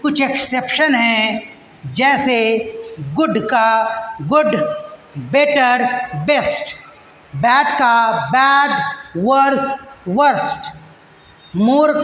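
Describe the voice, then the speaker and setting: High-voiced man teaching slowly, echoey room. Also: a bit bright. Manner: slowly spells and repeats words syllable by syllable; addresses listeners as friends. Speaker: English teacher. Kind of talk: grammar lesson to viewers. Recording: echoey room with long reverb, faint noise.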